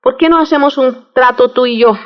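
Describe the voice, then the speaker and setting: A woman's voice: high-pitched, a little fast, clear, resonant tone, lightly acted. A woman voicing an eager nun insisting to her priest, in a slightly muffled radio recording. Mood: insistent.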